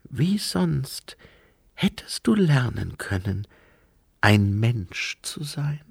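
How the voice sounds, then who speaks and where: A man voicing a sharp, questioning young woman who often drops to a breathy hush, in an audiobook reading. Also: low voice, very animated, takes it slowly, no room sound, clean studio sound, pitched above the performer's own voice, heavily acted. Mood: tense hushed.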